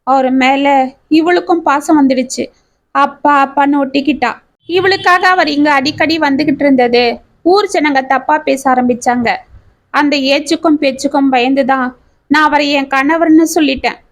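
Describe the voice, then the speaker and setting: A woman's voice: sits high, moderate pace, lightly acted. A woman doing a grieving, tearful mother. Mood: sorrowful confession. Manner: heartfelt confessional telling.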